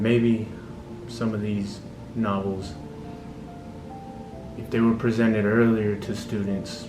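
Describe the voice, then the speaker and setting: Hesitant young man, low flat voice. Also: far from the mic. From Central Valley, California. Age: young adult. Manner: hesitant, with frequent ums. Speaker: community college student giving a testimonial. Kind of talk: unscripted testimonial. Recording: roomy, off-mic, music underneath.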